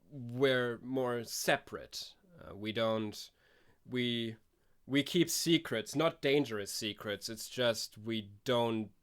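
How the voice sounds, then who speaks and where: A man's voice: medium pitch, clear, resonant tone, natural voice. A man voicing a weary female government agent in a suit in a tabletop role-play, patient but exasperated and tripping over his words.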